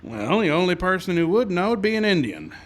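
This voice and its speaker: A man plays a frontier marshal in an old-style radio western. His voice sits a little high, and he talks in a stern, no-nonsense, clipped way with weary authority. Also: big pitch swings, a little fast. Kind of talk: 1950s-style radio western acting and narration.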